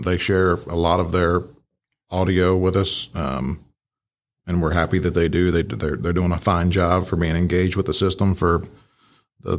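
Low-pitched man explaining things conversationally. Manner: explanatory, conversational, rephrases as he goes. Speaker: fire command instructor, show regular. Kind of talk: casual technical discussion.

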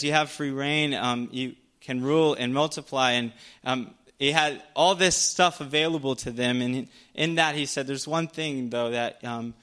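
Young male preacher, casual sermon, clear resonant tone, playful storyteller. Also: mid-range voice, fairly bright tone.

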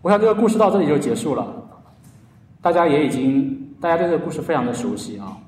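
A man preaching a sermon in a mellow, relaxed voice, earnestly telling a story and drawing out his sentence endings. He sounds far from the mic, his words ringing through a large, echoing hall. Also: on the high side, quick pace. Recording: echoey hall, heard from a distance.

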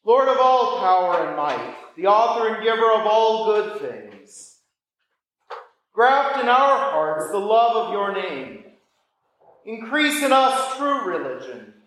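Woman, priest, high voice, solemn measured prayer, very echoey church, distant mic. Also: very animated, fairly bright tone, slight background noise. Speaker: priest leading a church service. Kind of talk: liturgical prayer and greeting. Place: large room, church.

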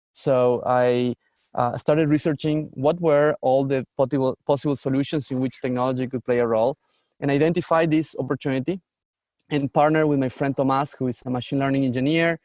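A man's voice: mid-range voice, darkish tone, no room sound, clean studio sound. A man from Argentina, a startup founder answering interview questions earnestly, with frequent fillers and restarts.

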